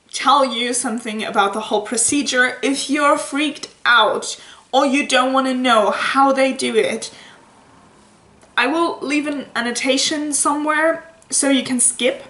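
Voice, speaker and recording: High-voiced woman telling a story, roomy echo. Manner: animated retelling, acting out quoted dialogue. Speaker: vlogger. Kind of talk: casual storytelling vlog.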